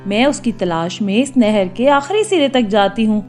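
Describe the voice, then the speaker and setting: A kindly mother fish from a cartoon tale speaks in a slow, gentle, reassuring way, as a woman voices her. Her mellow, motherly voice soothes the dove. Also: fairly high pitch, lively intonation, faint music behind, lightly acted. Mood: caring.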